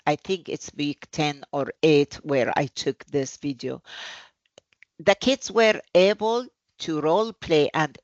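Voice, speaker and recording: A woman who teaches Arabic presents classroom tips in a webinar, telling stories earnestly with animated hesitations. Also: sits low, no room sound, muffled recording.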